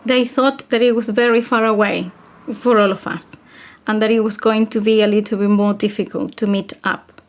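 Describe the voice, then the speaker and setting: Calm woman. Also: medium pitch, normal speed. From Chile. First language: Spanish. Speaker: interviewee. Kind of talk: interview answers.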